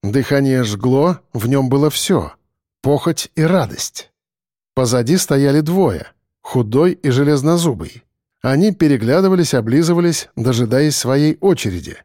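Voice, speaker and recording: A man narrating a dark audiobook in a dramatic, expressive way. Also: mid-range voice, moderate pace, dry recording, studio quality.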